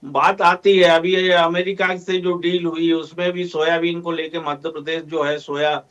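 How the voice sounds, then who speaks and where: A man's voice: a little high, level tone, normal speed, a bit bright, lo-fi sound. A man speaking for farmers on a panel discussion, arguing earnestly with frequent hesitations. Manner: earnest, argumentative, many hesitations. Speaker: farmer representative guest.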